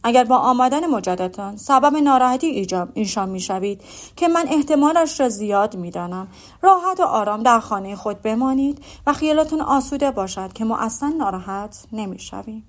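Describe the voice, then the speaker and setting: A woman's voice: on the high side, close to an everyday voice. A woman reading a pompous, wordy clergyman. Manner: formal, flowery, self-important speech. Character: pompous, wordy middle-aged male clergyman suitor. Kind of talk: audiobook character reading.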